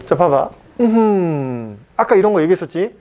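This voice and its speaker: A man teaching a math class at a cram school, blunt and chatty, joking and mock-scolding his students and checking in with quick questions. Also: on the high side, lively intonation, a little mellow. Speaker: math tutor.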